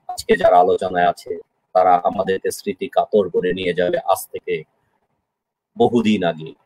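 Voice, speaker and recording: A man from Bangladesh hosting an online poetry gathering, speaking in a solemn, measured, declamatory way. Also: sits low, darkish tone, breathy edge, no room sound, poor audio. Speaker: host. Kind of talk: formal tribute speech.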